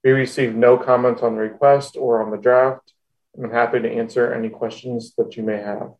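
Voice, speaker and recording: A man's voice: medium pitch, fairly even intonation, a little fast, a little mellow, low-quality recording. A man reading a scripted, formal briefing as a government staff presenter.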